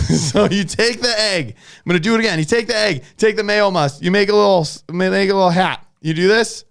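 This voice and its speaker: A man co-hosting a casual podcast, animated and quick to laugh, demonstrating a snack recipe. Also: high voice, gravelly, clear, resonant tone. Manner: animated, laughs often, talks with mouth full. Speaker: podcast co-host. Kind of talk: casual chat.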